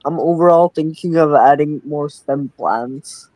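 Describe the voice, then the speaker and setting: A young man speaks slowly and hesitantly, often pausing to find his words as he asks questions on a live stream. His voice sits a little high and sounds close and dry. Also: a little mellow, no echo, low-quality recording. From Czech Republic. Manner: hesitant, many fillers and restarts, asks questions. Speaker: caller. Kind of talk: live-stream casual chat.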